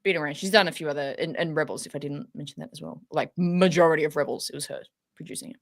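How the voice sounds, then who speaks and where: A woman's voice: low voice, steady tone, quick pace, creaky. An Australian woman co-hosting a fan talk show, chatting casually in an informal, slangy and enthusiastic way. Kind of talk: casual chat.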